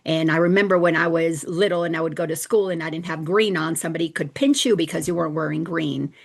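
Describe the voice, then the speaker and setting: A middle-aged woman from the Dominican Republic hosts a casual spiritual teaching talk, speaking fast in a low, gravelly voice with a steady tone. She tells stories in a chatty, warm-hearted way, frequently restarting her sentences.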